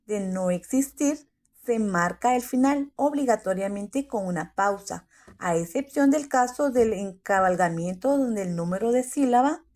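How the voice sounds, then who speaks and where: A woman presenting a read-aloud lesson summary on verse, reading definitions and lists in a steady way. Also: mid-range voice. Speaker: student presenter.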